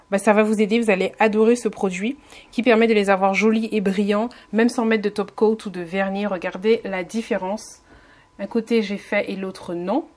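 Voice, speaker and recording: A beauty vlogger speaks in a medium-pitched, slightly mellow voice, narrating a casual makeup tutorial. She sounds friendly but hesitant, talking straight to her viewers with lots of fillers and restarts.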